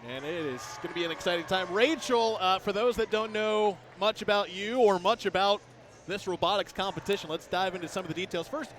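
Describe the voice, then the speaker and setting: High-voiced male sports broadcast host. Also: brisk, fairly bright tone. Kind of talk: live sports broadcast presenting. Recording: clear venue noise behind.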